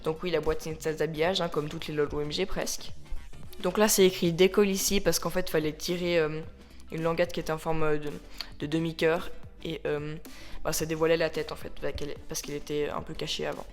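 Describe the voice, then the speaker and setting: A casual toy-review vlogger speaks into a phone camera from home. The voice sits in a middle range and the talk is loose and rambling, full of self-corrections and stray English words. Faint music plays quietly underneath. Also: mid-range voice, little pitch movement, brisk. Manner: rambling and chatty, often correcting itself; mixes English words into French. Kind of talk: casual unboxing-style review. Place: at home with a ring light.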